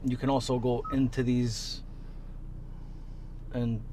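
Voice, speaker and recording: A man's voice: medium pitch, level tone, slow pace, mellow, slight background noise. A man casually explaining car features from inside the car. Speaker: car owner showing features.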